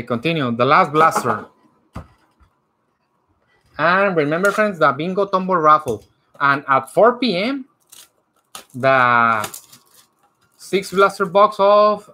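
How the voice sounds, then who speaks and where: A man hosting a card break, announcing each card by player and team in a slow, animated way. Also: a little high, slight background noise. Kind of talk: calling out cards during a live card break. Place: indoor room lined with card displays.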